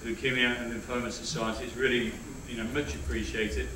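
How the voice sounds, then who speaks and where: A middle-aged man, the event organiser, wraps up an event with formal remarks thanking the audience. His mid-range voice is level and fairly quick. The recording sounds distant and echoey, in a hall with crowd noise and a hum.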